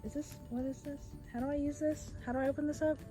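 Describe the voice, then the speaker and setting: The audio is poor and music runs behind her: a high, steady voice talking fast. She's a young beauty vlogger, Bulgarian by first language, casually rambling through a makeup tutorial on a back porch, self-deprecating and chatty, recorded on a phone camera.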